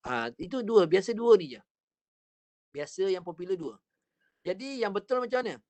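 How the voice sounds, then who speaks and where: A man's voice: high voice, expressive, moderate pace, a little mellow, no room sound. A man with a Malaysian Malay accent teaching Quran recitation online, patiently repeating and drilling letter sounds. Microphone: online class call.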